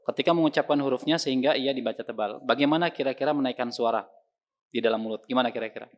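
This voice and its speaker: A man teaches Quran recitation in an online lesson. His voice sits at a middle pitch. He explains calmly and repeats each sound loudly to demonstrate it.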